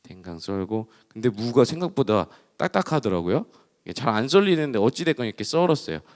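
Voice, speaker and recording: A man's voice: mid-range voice, fairly quick. Storytelling male pastor in a reverberant hall. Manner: lively storyteller, acts out dialogue. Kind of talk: sermon with personal storytelling. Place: church hall. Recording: long reverb of a church hall.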